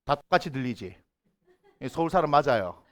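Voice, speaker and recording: A man's voice: medium pitch, lively intonation, brisk. A middle-aged man, a senior pastor, preaching a sermon in a church. He asks the congregation questions and briefly acts out the voices he quotes. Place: church sanctuary.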